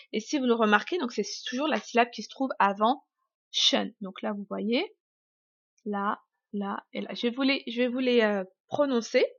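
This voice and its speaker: A woman teaching an online lesson, chatty and full of fillers and restarts, slowly exaggerating the stress on example words. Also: a little high, dry recording, dull audio. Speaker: English teacher. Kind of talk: YouTube pronunciation lesson.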